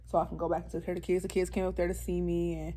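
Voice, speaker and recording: A woman's voice: lowish voice, level tone, racing, warm tone. A young woman YouTuber telling a candid birth story in a casual storytime vlog, talking straight to her viewers. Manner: chatty, candid, addresses viewers as y'all.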